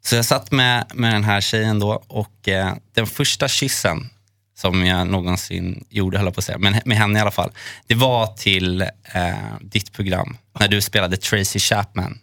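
Earnest man with a low voice. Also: steady tone, gravelly, bright, forceful tone, no echo, studio quality. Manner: earnest, halting, many fillers. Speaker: podcast host. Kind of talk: personal storytelling in a chat.

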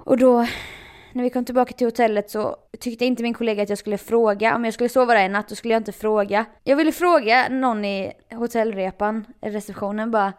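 A woman telling a story in casual chat, animated and laughing often. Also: fairly high pitch, clear, resonant tone.

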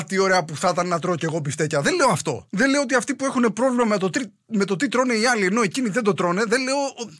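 A man's voice: extremely high pitch, bright, forceful tone, husky, dry recording, clean studio sound. A man delivering a satirical comedic monologue in a sarcastic, mock-earnest tone. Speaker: satirical commentator.

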